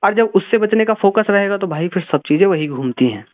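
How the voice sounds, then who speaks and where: A man's voice: high-pitched, lively intonation, a little fast. A man giving earnest, preachy motivational advice on a phone call, repeating words for emphasis. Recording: tinny phone line.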